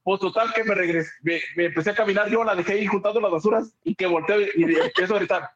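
A man spins a family anecdote for a radio chat show. His voice sits high for a man, and he laughs often while acting out every quote with lively energy. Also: quick pace, dull audio. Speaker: radio co-host. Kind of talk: casual storytelling chat.

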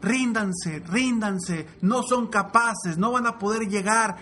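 A man voicing a scornful crowd of forest animals shouting taunts. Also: slow pace, faint music behind, exaggerated voice. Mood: jeering, mocking. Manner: shouting taunts, high mocking voice.

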